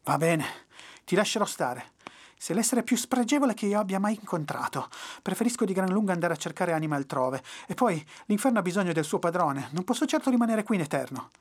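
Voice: medium pitch, a little fast, husky. A narrator voicing an impatient devil. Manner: calm and haughty, bursting into furious shouts. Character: impatient male devil in a young man's form. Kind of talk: storybook reading.

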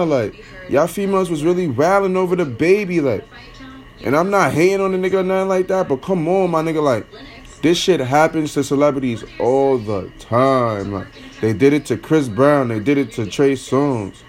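A young man with a slightly high voice hosts a podcast, ranting bluntly in casual slang as he gives his opinions and mocks his listeners. There's a little hiss or hum on the recording.

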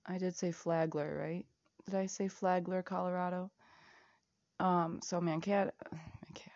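A woman's voice: fairly low pitch, level tone, a little slow, a little mellow, dry recording, muffled recording. A woman recording a rambling casual audio diary, reading out lists of places and prices, sometimes half-whispering.

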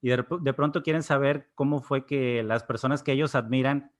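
A man's voice: medium pitch, steady tone, a little fast. A man hosting a podcast, asking a guest short, conversational questions. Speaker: podcast host. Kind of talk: interview questions.

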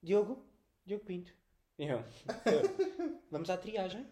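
Slow and high-pitched, this young man with a European Portuguese accent co-hosts a casual podcast, telling an animated story full of swearing and acted-out scenes. Background noise can be heard.

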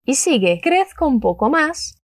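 A woman teaching a Spanish lesson, upbeat and enthusiastic, saying model phrases slowly and clearly for learners to repeat. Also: high-pitched, sing-song, dry recording, clean studio sound. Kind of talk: language lesson with repeat-after-me drills.

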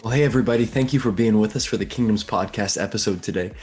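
A man hosts a faith podcast with an eager, affirming way of talking. His voice sits on the low side. It has a husky, slightly breathy edge. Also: fast, a little mellow, soft background music. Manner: eager, affirming, with frequent fillers. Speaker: podcast host. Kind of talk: podcast hosting and interviewing. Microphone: video call.

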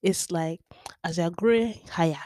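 A young woman in her twenties speaks in a notably low voice, with a dry, close sound and no room around it. She talks through her solo podcast in a frank, rambling way, often dropping to a near mutter and then rising again. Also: normal speed, dark tone, no echo. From Nigeria. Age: 20s. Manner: chatty and frank, with many fillers and volume swings. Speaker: podcast host. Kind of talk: candid solo podcast monologue.

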